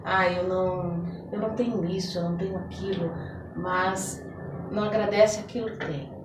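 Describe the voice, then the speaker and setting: In a podcast interview, a Brazilian therapist guest talks with a lowish voice, a steady tone, and a moderate pace. She explains conversationally with everyday examples and imagined quotes. The recording is echoey, distantly miked, and has background noise.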